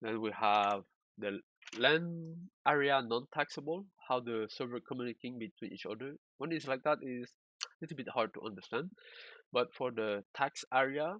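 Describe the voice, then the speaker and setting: A male streamer explaining game data analysis in a casual live-stream walkthrough, halting, repeating words and using loose, non-standard English phrasing. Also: medium pitch, a bit bright, dry recording, low-quality recording.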